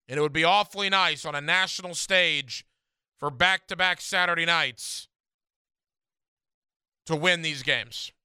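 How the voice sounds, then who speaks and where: A man's voice: fairly high pitch, unhurried, pauses often, pushed and bright, clean tone, no room sound, clean studio sound. A man hosting sports radio in the style of a contest promo, speaking emphatically, repeating phrases and addressing listeners directly. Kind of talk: radio contest promo, announcing a ticket giveaway to callers. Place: radio studio.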